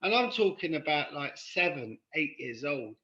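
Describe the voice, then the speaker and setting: A man's voice: fairly high pitch, big pitch swings, normal speed, roomy sound, dull audio, background noise. An Irish-born man with a London accent, a guest in a casual chat, rambling and often asking "do you know what I mean?". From Ireland. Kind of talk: casual conversation.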